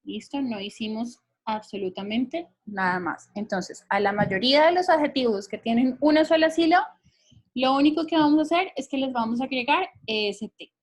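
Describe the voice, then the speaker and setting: A woman's voice: fairly high pitch, animated, normal speed. A woman teacher explaining English grammar rules patiently, often checking that her students follow along. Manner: patient, checks understanding with frequent questions. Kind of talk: recorded grammar lesson explaining in Spanish.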